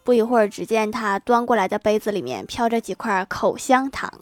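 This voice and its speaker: A woman hosting a comedy podcast, reading out jokes with an animated delivery and chuckling at her own punchlines. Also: fairly high pitch, a little fast, background noise. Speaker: podcast host.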